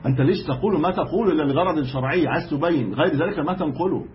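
Fast-talking Egyptian sheikh lecturing. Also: male voice, on the high side, animated, a little hiss or hum. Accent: Egyptian Arabic. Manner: explanatory, emphatic, frequent restarts. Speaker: sheikh teaching a lesson. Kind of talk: religious lesson lecture. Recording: dull lo-fi lecture recording.

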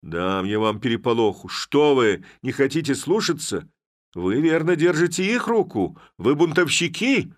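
A man's voice: fairly low pitch, expressive, measured pace, dry recording, studio quality. A man doing a blustering old village headman. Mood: blustering rage. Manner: blustering, shouting orders.

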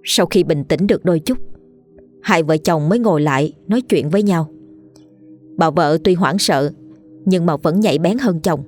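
A woman reading a ghost story aloud in a steady storytelling voice. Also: on the low side, moderate pace, pauses often. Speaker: narrator. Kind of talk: scripted ghost story narration. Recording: faint background music.

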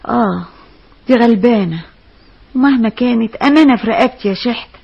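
A calculating wife with a husky, mid-pitched voice and an Egyptian accent. She speaks in a measured, confiding tone. The sound is muffled, like an old radio broadcast.

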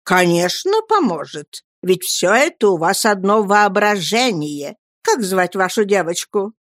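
A woman's voice: mid-range voice, animated, no room sound, clean studio sound, lightly acted. A woman voicing a brusque, domineering elderly aunt in an audiobook, curt and emphatic. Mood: stern. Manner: commanding, curt, slow and emphatic. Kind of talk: audiobook character voice.

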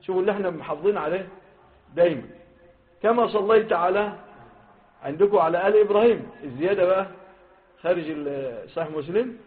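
Man, Egyptian Arabic accent, fast lively teaching, high voice, tinny phone-like sound. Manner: lively, stresses quoted wordings, asks the class questions. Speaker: sheikh teaching hadith. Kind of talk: classroom hadith lesson. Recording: phone-like lo-fi recording.

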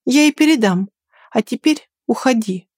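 A woman reading an audiobook and voicing a bold young woman who defends her friend with sharp, threatening words. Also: fairly high pitch, expressive, normal speed, dry recording, clean studio sound. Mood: stern. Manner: sharp, threatening, then coaxing.

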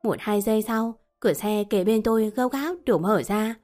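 Woman reading a novel over soft music. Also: medium pitch, normal speed. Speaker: audiobook narrator. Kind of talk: first-person novel narration. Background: faint music.

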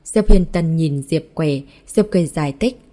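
A woman reading a martial arts novel aloud in a steady narration voice, voicing every character in the same plain tone. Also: low voice, unhurried. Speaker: audiobook narrator.

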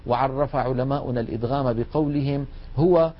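A man teaching a lesson on recitation rules, explaining patiently and drawing out slow recited examples. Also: mid-range voice. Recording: dull lo-fi recording.

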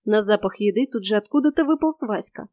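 A woman's voice: mid-range voice, lively intonation, brisk, warm tone, no room sound. A woman narrating a first-person audiobook in a dry, sardonic manner.

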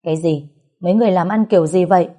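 A woman's voice: on the low side, moderate pace, dark tone, husky. A woman voicing an older male general and father, angry and weeping.

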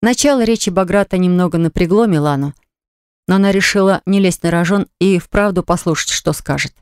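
Smooth, dry audiobook narrator. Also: mid-range voice, a little fast, no room sound. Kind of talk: scripted romance narration.

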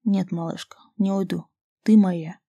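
Audiobook: woman reader playing a calm, tender young man, soft and slow. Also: mid-range voice, dry recording, natural voice. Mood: tender teasing. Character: confident young man in love, gently teasing.

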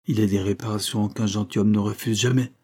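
Guy playing a firm honorable nobleman, mellow dark husky voice. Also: on the low side, steady tone, a little fast. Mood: earnest, firm. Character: honorable young viscount, restrained and earnest.

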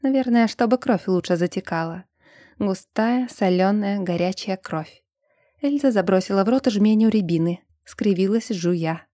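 A woman narrating an audiobook in a steady, even reading. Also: medium pitch, normal speed, no room sound, studio quality. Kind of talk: scripted narration.

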